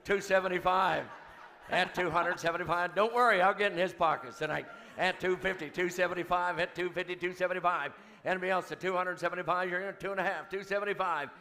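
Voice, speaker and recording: A man working as an auctioneer at a live charity auction, calling bids in a rapid rhythmic chant with repeated numbers and joking asides. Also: high voice, fairly even intonation, sharp tone, slight background noise. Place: event hall, live before an audience.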